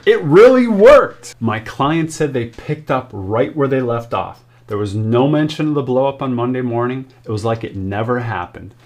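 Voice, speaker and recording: An upbeat man narrates a sales story in a mid-pitched voice. He drives his points home with punchy, emphatic numbered advice. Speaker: sales consultant and show host. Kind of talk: narrated case study and advice.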